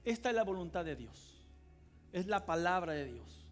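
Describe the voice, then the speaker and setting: A man preaching a sermon as pastor of a church, emphatic, swinging between loud cries and quiet asides and calling on the congregation to answer aloud. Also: high voice, very animated, normal speed, soft background music. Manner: calls on the congregation to respond aloud. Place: church service hall.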